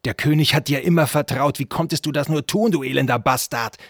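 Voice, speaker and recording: A man's voice: on the high side, a little fast, a bit bright, no echo, clean studio sound, pitched above the performer's own voice. A man voicing an angry young male sorcerer prince who speaks in a harsh, commanding tone.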